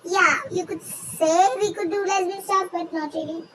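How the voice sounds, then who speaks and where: A woman with a squeaky, chipmunk-like cartoon voice from a pitch-raising filter, casually commenting on and reading online posts in a rambling, informal way. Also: fairly even intonation, moderate pace, a bit bright, slight background noise. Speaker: host.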